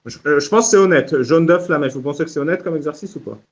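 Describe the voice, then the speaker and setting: A man's voice: fairly high pitch, quick pace, highs cut off. A man hosting a casual live audio chat, joking and often restarting his sentences. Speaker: host.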